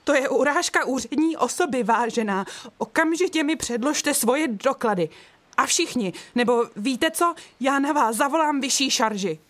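A woman's voice: fairly high pitch, expressive, lightly acted. Woman doing a fussy bureaucrat elephant in a storybook, officious, raised voice. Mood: indignant. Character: pompous bureaucratic male elephant guard.

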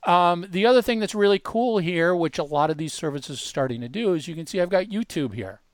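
A high-pitched man talks a little fast, with lively intonation and no echo. He's hosting a casual screen-share tutorial for a music marketing tool, walking through it informally step by step.

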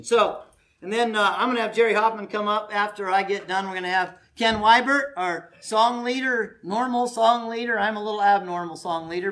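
A man's voice: sits high, fairly bright tone. Folksy male preacher making camp announcements. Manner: folksy, joking, coaxing the crowd to volunteer. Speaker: pastor leading a family camp. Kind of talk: sermon and announcements to a congregation.

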